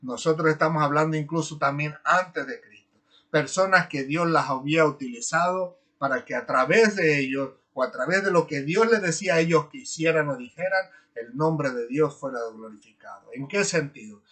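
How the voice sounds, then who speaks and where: A man's voice: fairly high pitch, moderate pace, a bit bright. A man preaching a sermon in an earnest, repetitive way, often ending phrases with a rhetorical question tag and building up emphatic lists.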